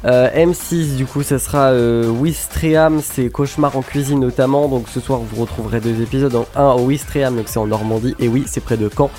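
A man's voice: mid-range voice, steady tone, a little fast, few pauses, warm tone, soft background music. A young man with a mid-range voice hosts an amateur radio show and runs through the TV listings. He hesitates often and fills the gaps with jokes. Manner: hesitant, full of fillers, jokey. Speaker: radio host. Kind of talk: casual radio chat reading TV listings.

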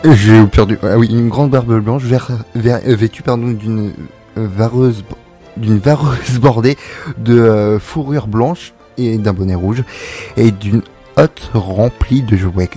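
A man's voice: on the low side, takes it slowly, mellow, soft background music. A man co-hosting a radio show, reading from notes with a lot of hesitation and self-corrections. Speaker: radio co-host.

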